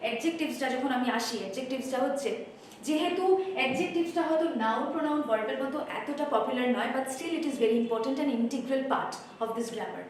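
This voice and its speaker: A woman's voice: sits high, a little fast, a little hiss or hum. A woman teacher with a Bengali accent, introducing a spoken English course and explaining step by step while mixing Bengali and English. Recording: roomy echo, voice from far off.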